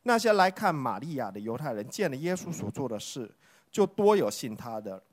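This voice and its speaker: A person reading a Bible passage aloud in a steady, measured way before handing over to the pastor. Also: medium pitch. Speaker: scripture reader. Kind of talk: scripture reading.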